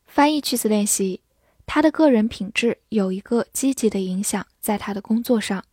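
A woman teaching English vocabulary, spelling words letter by letter and reading sentences slowly for listeners to repeat. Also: medium pitch, animated, a little mellow, slightly rough, dry recording, studio quality. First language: Chinese. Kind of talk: slow, careful vocabulary lesson.

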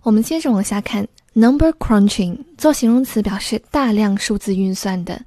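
A woman teaching English vocabulary, going through each term step by step and switching into English phrases. Her voice is mellow and warm at a middle pitch. The recording is dry and close. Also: moderate pace, dry recording. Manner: explains words and phrases step by step, mixing in English terms. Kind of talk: scripted lesson narration.

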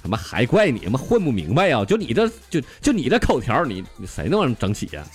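Man, Northeastern Mandarin accent, stand-up jokes, very animated pitch, stammering restarts, music behind. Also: fast talker. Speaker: comedian. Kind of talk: stand-up joke telling.

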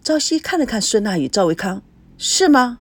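Expressive woman reading a novel aloud. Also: mid-range voice, fast, no room sound. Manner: expressive, voices each character. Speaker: narrator.

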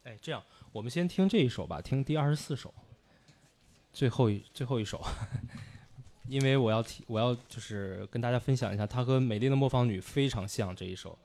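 Male music commentator, gravelly, mellow tone, explanatory with hesitations. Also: medium pitch, fairly quick. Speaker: music commentator co-hosting a livestream. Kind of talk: livestream music talk.

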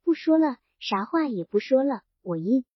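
A woman's voice: high-pitched, very animated, moderate pace, husky, no echo, heavily acted. A woman reading the lines of an earnest, plain-spoken male print-shop owner. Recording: dull, dry audiobook recording.

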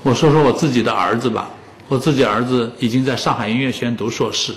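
A man's voice: medium pitch, quick pace, slight background noise. A man in his fifties giving a public lecture on music, telling anecdotes and joking with the audience.

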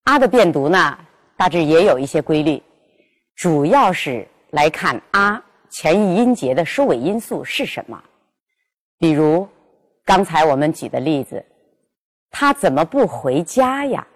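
A woman teaching pronunciation, carefully and deliberately sounding out each example. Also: deep voice, lively intonation. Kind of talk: instructional lesson with spoken examples.

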